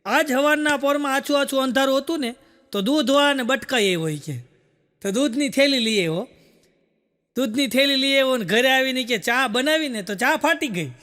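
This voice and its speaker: High, bright-voiced comedian on stage. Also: male voice, animated, normal speed. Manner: folksy storytelling, full of "I said" and "he said". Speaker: stand-up comedian. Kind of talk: stand-up joke telling on stage. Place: stage show with a live audience. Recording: long hall reverb.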